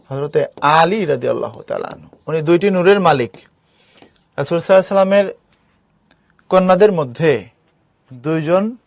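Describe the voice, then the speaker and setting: A man's voice: fairly high pitch, gravelly, no room sound. A man teaching a live online class, explaining patiently and putting questions to his students.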